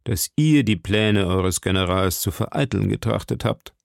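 A man voicing a powerful, scheming old cardinal who speaks slowly and probingly. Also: fairly low pitch, vocal fry, dry recording, clean studio sound. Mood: stern. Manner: slow, measured, probing.

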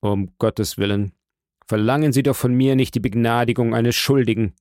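A man's voice: medium pitch, steady tone, moderate pace, darkish tone, dry recording, close to an everyday voice. A man playing a stern state prosecutor who argues with dry firmness and feverish rhetoric. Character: stern, bitter male state prosecutor, fervent.

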